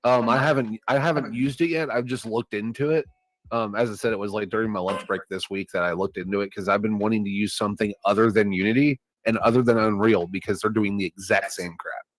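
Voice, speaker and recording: A man hosting a live stream, chatting casually with friends on voice chat and filling pauses with ums. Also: fairly low pitch. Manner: relaxed, many filler ums. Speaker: streamer painting miniatures.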